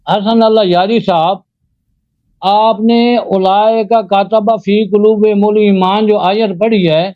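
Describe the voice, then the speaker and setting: A man debating religion live, slowly chanting Arabic invocations and then arguing pointedly. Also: extremely high pitch, no room sound. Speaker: debater, Sunni cleric. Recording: dull, dry lo-fi audio.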